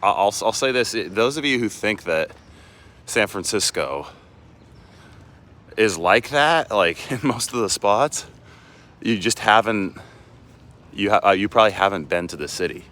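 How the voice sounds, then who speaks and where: A man's voice: on the low side, lively intonation, measured pace, long pauses, bright, forceful tone. A sports reporter chatting casually outdoors while walking with a handheld phone camera, rambling and often restarting his sentences. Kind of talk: casual live walking vlog. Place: outdoors on city streets and in a park.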